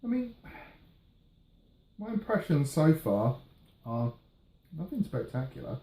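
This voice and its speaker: Mellow, musing man in an echoey room. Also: on the high side, very animated, slow pace. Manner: hesitant, musing, trailing off between puffs on a pipe. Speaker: pipe tobacco reviewer. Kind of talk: casual video review chat. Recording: roomy, echoey sound.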